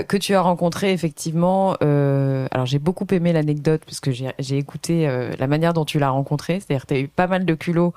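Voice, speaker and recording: A woman's voice: low voice, mellow, clean tone, dry recording, clean studio sound. A woman hosting a podcast interview, asking friendly, rambling questions in a casual chat. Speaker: podcast host.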